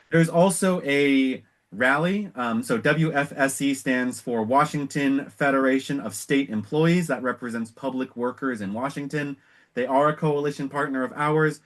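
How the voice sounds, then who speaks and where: An American man with a medium-pitched voice leads an organizational meeting. He explains things informally in measured phrases, pausing and trailing off now and then as he presents. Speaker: executive director hosting an organization meeting.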